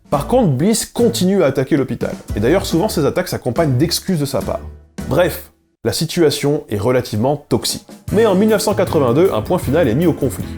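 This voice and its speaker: Male educational host, rapid delivery, wry asides, warm low tone. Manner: brisk, with wry ironic asides. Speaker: YouTube linguistics host. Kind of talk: scripted educational narration.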